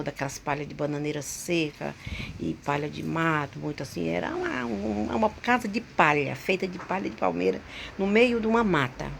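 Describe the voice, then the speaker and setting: A woman, hosting her own channel and telling a personal story in a halting way, full of restarts and repeated words. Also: fairly low pitch, creaky, a little hiss or hum. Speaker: channel host.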